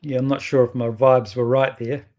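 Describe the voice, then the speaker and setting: A man's voice: mid-range voice, flat delivery, moderate pace, dark tone. A man with a strong New Zealand accent gives casual game commentary, thinking aloud in an informal, rambling way and often correcting himself. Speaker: bridge player presenting his own videos.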